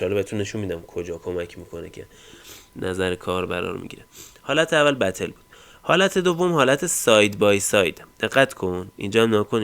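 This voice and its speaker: Low smooth-voiced man explaining software. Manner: casual explanatory, many fillers, trails off at line ends. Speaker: tech tutorial host. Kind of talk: screen-recorded software tutorial.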